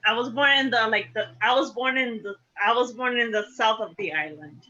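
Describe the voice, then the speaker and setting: A woman's voice: on the high side, brisk, sharp tone. A woman student from Puerto Rico chatting with her teacher in a light, hesitant way and laughing easily. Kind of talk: casual chat. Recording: dull lo-fi call audio.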